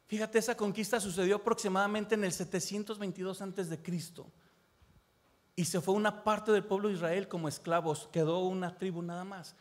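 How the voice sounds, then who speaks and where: A pastor delivers an impassioned sermon in a fairly high voice. He builds on repeated phrases and puts direct questions to the listener. His voice rings out with a long reverb in a large church hall.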